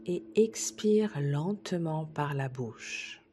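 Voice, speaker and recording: A woman sophrologist leading a guided relaxation session, speaking softly and soothingly, sometimes dropping to a whisper. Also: sits low, lively intonation, slight background noise. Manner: soft, slow, soothing guidance, drops to a whisper at times. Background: soft background music.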